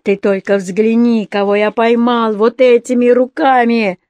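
A woman reading a storybook, voicing a furious male robber chief who threatens his daughter in a gruff, commanding way. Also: on the high side, little pitch movement, a little slow, a little mellow, no room sound, lo-fi sound, natural voice. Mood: gloating.

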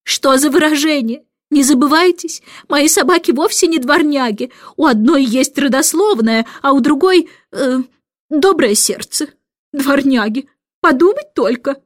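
A woman's voice: high voice, unhurried, no echo, clean studio sound, pitched above the performer's own voice. A woman voicing a huffy, fussy older lady. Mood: indignant. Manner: huffy, scolding. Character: indignant fussy older lady dog owner.

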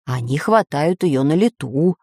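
Storybook professor, older man, lecturing and calm, voiced by a woman; low-ish tone, dry mic. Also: breathy edge, dry recording, full character voice. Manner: slow, lecturing explanations. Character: calm, learned older male professor geographer.

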